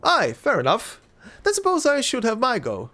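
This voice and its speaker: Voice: medium pitch, huge pitch swings, normal speed, sharp tone, voice pushed up. Someone doing a folksy ghost sailor spinning yarns. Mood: eager. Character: eager storytelling old ghost sailor, folksy.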